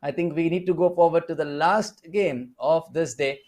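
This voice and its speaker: Excitable Indian esports commentator, higher voice. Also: male voice, normal speed. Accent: Indian English. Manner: excitable play-by-play, rising on big chances.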